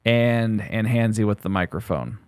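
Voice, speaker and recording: A man in his forties talks through a casual podcast chat in a rambling, jokey way, often restarting his sentences. His voice sits somewhat low, and the recording is dry and close with no room sound. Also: normal speed, smooth, no room sound. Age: 40s. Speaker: podcast co-host.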